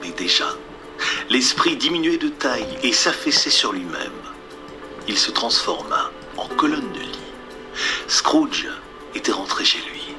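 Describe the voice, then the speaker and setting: A male storyteller reads a scripted tale in a soft, hushed manner, often sinking to a near whisper. His pitch moves in a lively way, and music plays clearly behind him. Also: unhurried.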